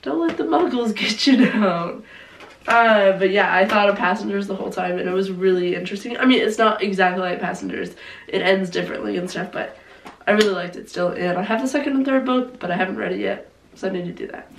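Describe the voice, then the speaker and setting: A woman's voice: mid-range voice, fairly quick, gravelly, slight background noise. A woman of twenty-one with a stuffy, congested voice from a cold, chatting casually and ramblingly to camera about things she likes. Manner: rambling, informal, self-interrupting, frequent "like". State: sick with a cold. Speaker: book vlogger presenting favorite reads. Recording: echoey room, distant microphone.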